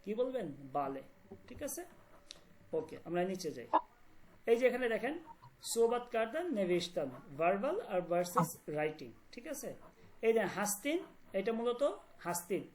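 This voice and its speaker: A woman teaching a language class online, explaining words slowly and often asking whether students follow. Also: mid-range voice, big pitch swings, darkish tone. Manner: repeats words and checks understanding often.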